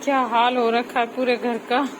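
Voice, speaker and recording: A high-pitched young woman talks her viewers through the day's chores in a chatty home vlog, recorded on a handheld phone. Her tone stays fairly level, with little rise and fall. A faint hum of noise sits under her voice. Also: level tone, moderate pace, rough recording. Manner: chatty, explaining housework to viewers. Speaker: vlogger mother. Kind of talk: casual home vlog chat. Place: house and open courtyard.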